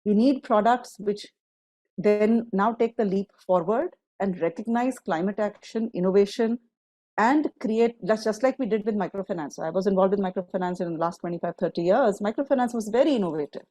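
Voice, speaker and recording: A woman's voice: mid-range voice, fairly quick, dark tone, rough recording. A woman, a guest on a panel discussion, speaking fluently and laying out her points in long lists. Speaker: guest panelist, climate fund partner.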